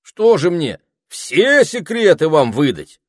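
A man's voice: fairly low pitch, very animated, moderate pace, no echo, clean studio sound, voice pushed up. A man voicing a boastful, sneaky male toad spy who whines and wheedles. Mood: aggrieved. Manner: whiny, wheedling, cocky.

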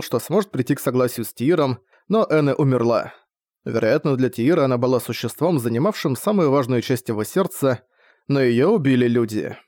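A male reader narrates a fantasy story in an even, measured way. His voice sits at an ordinary pitch and stays steady. It is plain scripted narration. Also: dry recording, clean studio sound. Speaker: audiobook reader.

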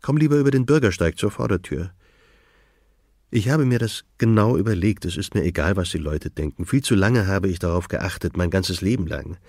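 A frank, gentle woman of seventy, voiced by a man reading an audiobook, speaking calmly and directly in a low voice lifted a little for her. The sound is close and dry. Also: brisk, dry recording. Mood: firm. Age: 70s. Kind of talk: audiobook dialogue.

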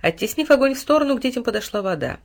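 Lively, dramatic storybook narrator for an audiobook. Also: mid-range voice, rapid-fire, gravelly. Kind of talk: expressive audiobook narration of a fairy tale.

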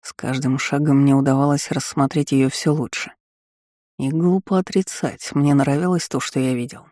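A man giving steady, measured first-person narration of a storybook. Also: mid-range voice, no echo, studio quality. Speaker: audiobook narrator.

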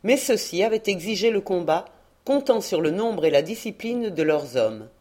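A woman narrating a historical adventure novel in a measured, expressive reading voice. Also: mid-range voice. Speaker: audiobook reader. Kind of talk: scripted narration.

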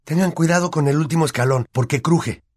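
A man's voice: on the high side, brisk, a little mellow, pitched above the performer's own voice, natural voice. A man with a Latin American Spanish accent voicing a young boy wizard who speaks earnestly. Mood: urgent. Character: Harry, a brave boy wizard.

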